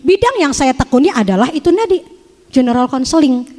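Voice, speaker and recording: A woman gives a lively, joking testimony to an audience, speaking to them directly. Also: high-pitched, brisk. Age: 50s. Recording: long hall reverb.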